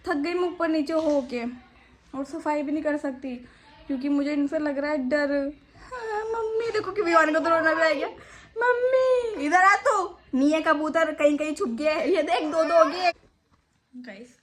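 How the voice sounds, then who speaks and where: A woman's voice: high-pitched, slight background noise. A young woman vlogging in chatty talk on a handheld phone, mixing English words into her speech. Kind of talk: casual vlog chat.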